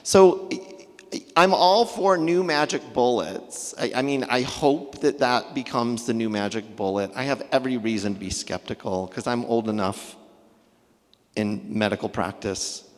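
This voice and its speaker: A man's voice: lowish voice, normal speed. Emphatic middle-aged man on a panel. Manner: emphatic, frank. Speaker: panelist psychiatrist. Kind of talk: panel discussion. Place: large conference hall. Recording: reverberant hall.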